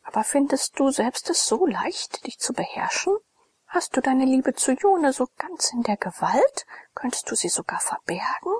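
A woman voicing a tearful, devoted young slave girl in a whispered role-play with a high, pleading whisper. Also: very animated, normal speed, slightly rough, no echo, exaggerated voice. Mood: wistful.

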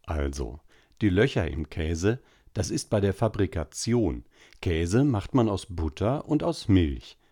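Man doing a stern, gruff father. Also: sits low, very animated, a little slow, dark tone, heavily acted. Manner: gruff, curt, lecturing. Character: stern middle-aged father, impatient.

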